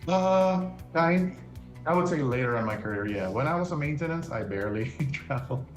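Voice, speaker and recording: A man's voice: mid-range voice, lively intonation, normal speed, faint music behind. Laid-back young man in a roomy studio. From upstate New York. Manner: laid-back, chuckling often. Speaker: quiz contestant. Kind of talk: casual interview chat. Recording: roomy echo.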